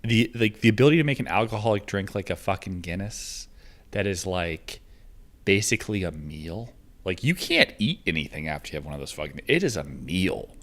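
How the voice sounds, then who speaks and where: A man's voice: low-pitched, big pitch swings, a little fast, a bit bright. A man ranting casually on a livestream, rambling and swearing with lots of fillers. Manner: rambling and profane, with frequent fillers.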